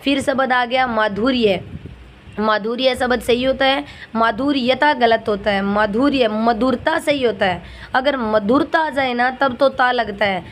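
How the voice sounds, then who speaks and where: Woman teacher going over exam words again and again, kinda high voice, faint hiss behind. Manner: drills words by repeating each correct and wrong form. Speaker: Hindi grammar teacher. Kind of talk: exam-prep lesson.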